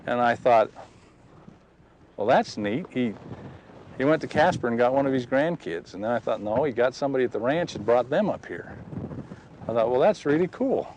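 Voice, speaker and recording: A man's voice: medium pitch, animated, normal speed, pauses often, a little mellow, slight background noise, poor audio. A man giving an earnest personal faith testimony outdoors at a historic site, acting out the dialogue as he tells it. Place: outdoors on a ridge.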